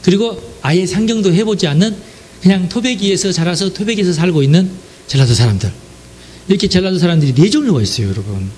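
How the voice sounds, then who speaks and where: Man from Jeolla, sermon talk, chatty, fairly high voice, faint background noise. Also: animated, quick pace, darkish tone. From Jeolla region, South Korea. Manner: chatty, addresses the audience directly, frequent affirming asides. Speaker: preacher. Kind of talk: conversational sermon lecture.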